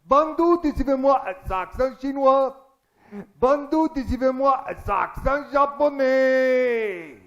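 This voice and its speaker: A man's voice: slow, lo-fi sound, full character voice. A man voicing an indignant old male heckler in a comedy act, with a mock Chinese accent and broken French. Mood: pleading. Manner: high-pitched, loud, pleading then yelling.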